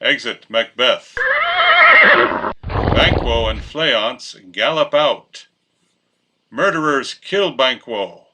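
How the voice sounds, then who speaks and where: A man's voice: mid-range voice, lively intonation, extremely slow, pauses often, bright, forceful tone, slight background noise, rough recording. A man narrating, reading out scripted stage directions for a play.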